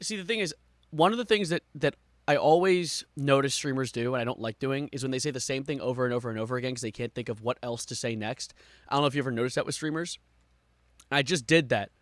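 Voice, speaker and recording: A male streamer with a fairly high, bright, forceful voice reacts to a video in a dry, close recording. He complains with exasperated sarcasm, shifting between low muttering and louder outbursts. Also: dry recording. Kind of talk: live stream reaction commentary.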